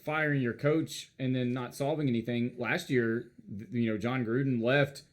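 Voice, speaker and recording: A man's voice: mid-range voice, fairly even intonation, normal speed. A man guesting on a podcast, talking casually and often restarting his sentences.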